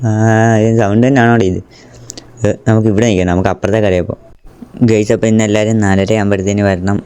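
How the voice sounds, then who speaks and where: A man with a low, dark voice gives casual commentary over his gameplay. He exclaims often and excitedly, and he keeps speaking directly to his viewers. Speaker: gaming YouTuber.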